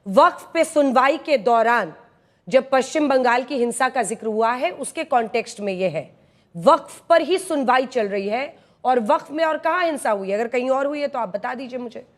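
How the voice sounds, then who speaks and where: A woman news anchor moderating a heated TV debate, pressing a panelist and cutting in with sharp questions. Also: sits high, lively intonation, moderate pace.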